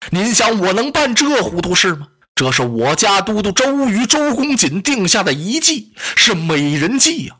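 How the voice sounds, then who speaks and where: A male storyteller voicing an anxious young king pleading with his angry mother in a flustered, hurried way. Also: high-pitched, very animated, bright, forceful tone, breathy edge, exaggerated voice.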